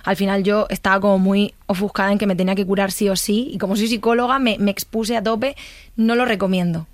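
A woman, a psychologist, chatting on a podcast in a lively storytelling way. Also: mid-range voice, fairly quick, dry recording. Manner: lively, storytelling, self-deprecating. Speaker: psychologist guest. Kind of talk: casual podcast chat.

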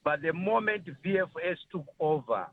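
A man from Malawi calling in to a radio show, explaining his situation in a steady, storytelling way with frequent "you know". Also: a little high, normal speed, no echo. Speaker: caller. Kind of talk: phone-in call to a radio show. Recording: tinny phone line with faint noise.

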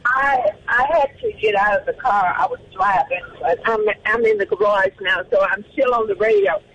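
A woman caller talking through her car's hands-free speakerphone over a phone line, a little halting and self-conscious as she asks her question. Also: medium pitch, very animated, fairly bright tone, husky. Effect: car hands-free speakerphone heard over a phone line. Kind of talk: call-in question to a radio show. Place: in a parked car in a garage. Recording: dull phone line with faint noise, from far off.

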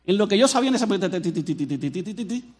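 Speaking in a Colombian accent, a Colombian pastor delivers a sermon in a high, racing voice. He's animated and playful, joking as he talks straight to the congregation.

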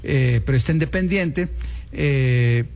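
A man with a Mexican accent hosting a political news show, talking in a wry, conversational, somewhat halting way. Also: mid-range voice, gravelly, darkish tone. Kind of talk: casual political news commentary.

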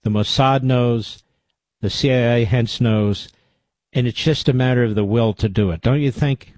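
A man's voice: mid-range voice, moderate pace, no echo. An older man hosting a call-in talk radio show, speaking emphatically and taking callers. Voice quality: emphatic, forceful delivery.

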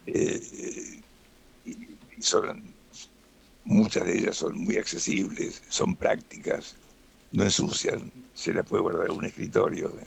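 A man's voice: low-pitched, level tone, slow, gravelly, slightly rough. A man with a Rioplatense Spanish accent, explaining things relaxedly as a doctor guest in a radio interview and often tagging "¿no?".

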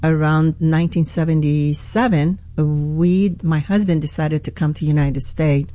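A woman in her sixties from Iran with an Iranian accent, a pastor telling her life story in an interview, earnest and hesitant with many pauses and restarts. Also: deep voice, steady tone, warm tone, no echo. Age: 60s. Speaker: pastor, guest. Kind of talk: personal testimony in an interview.

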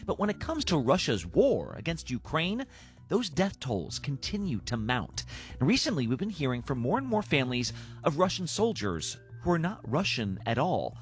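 Male anchor, animated intonation, faint music bed. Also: a little high, normal speed. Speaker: news anchor. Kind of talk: news anchoring.

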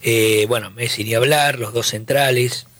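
A man, a panelist giving measured football analysis. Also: mid-range voice, steady tone, a bit bright. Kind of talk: casual sports panel chat.

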